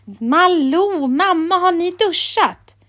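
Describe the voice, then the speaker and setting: A woman voicing an excited young boy who loves long showers, in a high, loud and shrill voice. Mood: whiny.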